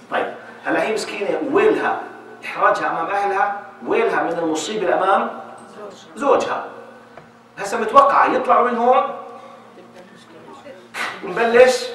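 A man giving a lively public talk to an audience, acting out little dialogues as he goes. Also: high voice. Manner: animated, acts out little dialogues. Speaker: speaker giving a talk on marriage. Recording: echoey hall, voice from far off, faint noise.

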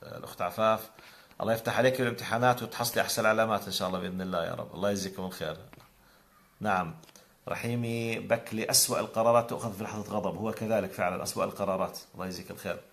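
A man's voice: fairly low pitch, rapid-fire, vocal fry. A man with a Jordanian accent hosting a live call-in broadcast, greeting viewers one by one with blessings. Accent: Jordanian Arabic. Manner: warm religious blessings, conversational. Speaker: call-in show host.

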